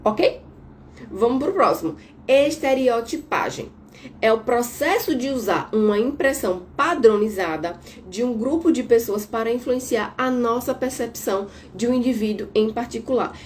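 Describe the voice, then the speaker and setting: A woman's voice: on the high side, lively intonation, normal speed, slight background noise. Woman therapist teaching, slightly raised voice. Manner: speaking a little louder on purpose, didactic, tag questions. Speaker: therapist giving a live talk. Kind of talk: live talk to viewers. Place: at home, window shut, air conditioning on.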